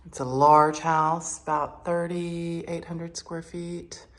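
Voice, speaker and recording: Woman, slightly low voice, unhurried delivery, short listed phrases, matter-of-fact property tour narration. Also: flat delivery. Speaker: property renovation presenter. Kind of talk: informal walkthrough narration. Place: inside a house, walking through rooms.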